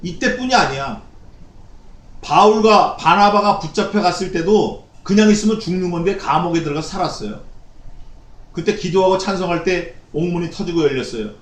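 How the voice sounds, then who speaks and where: A man with a high voice preaches through a passage of scripture. He keeps putting questions to the congregation and answering them himself. His voice rings around a roomy church sanctuary. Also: lively intonation, normal speed. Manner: acts out the figures in quoted shouts. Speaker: pastor. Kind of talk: expository sermon.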